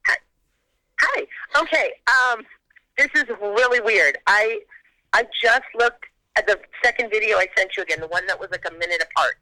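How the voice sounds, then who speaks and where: A woman's voice: mid-range voice, no echo, rough recording. Spooked woman on a phone speaker. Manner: excited, rushed, spooked. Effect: heard over a phone on speaker. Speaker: caller. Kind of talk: casual phone call.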